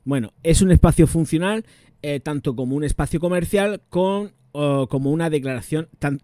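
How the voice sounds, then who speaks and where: A man from talks casually through perfume notes, often thinking aloud and trailing off while he checks details. His voice is mellow and warm. The sound is dry and close to the mic. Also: fairly high pitch, dry recording. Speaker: perfume reviewer. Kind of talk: casual chat.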